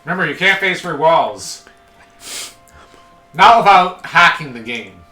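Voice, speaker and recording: A man's voice: on the high side, expressive, a little slow, sharp tone, reverberant. A man hosting a let's play, making sarcastic jokes and asides as he reads the game text. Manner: jokey, sarcastic, full of asides. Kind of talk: joking game commentary.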